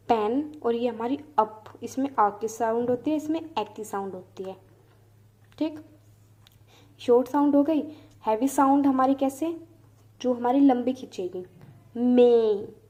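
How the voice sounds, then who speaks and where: A woman gives an online shorthand lesson. Her voice sits fairly high yet sounds soft and mellow. She works through each rule patiently and stretches out the example words so learners can follow. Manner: explains step by step, repeating example words slowly. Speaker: shorthand teacher.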